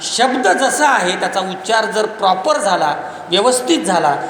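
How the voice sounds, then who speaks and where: A man delivers a lecture in a high, ringing voice. He builds his points through lists of examples and pushes his voice close to a shout when he stresses them. The sound is echoey and slightly distant, as if captured in a large hall, with a faint background hum. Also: big pitch swings, moderate pace. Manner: emphatic, rising to near-shouts on key points; explains by listing examples. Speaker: speaker on Marathi language and literature. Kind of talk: public lecture.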